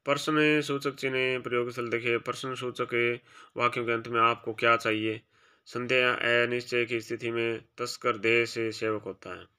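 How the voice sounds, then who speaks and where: A man teaching an exam-prep grammar lesson, reading each quiz option aloud and then briefly marking it right or wrong in quieter, lower asides. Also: level tone, moderate pace, smooth.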